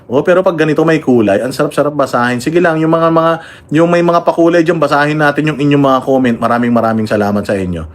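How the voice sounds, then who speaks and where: A combative man from the Philippines hosts a political livestream, mocking his targets and pausing to thank members and read their comments. His voice sits a little higher than most men's, and he talks in a casual, heated way.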